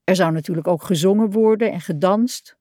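A woman reading a children's storybook aloud in an expressive, warm way. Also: medium pitch, brisk, no echo, clean studio sound. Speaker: audiobook reader.

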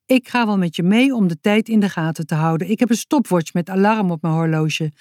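A woman's voice: fairly low pitch, fairly quick, darkish tone, no echo, studio quality, close to an everyday voice. A woman voicing a firm, determined young girl who speaks sternly to a scared friend, in a storybook. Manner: stern, encouraging.

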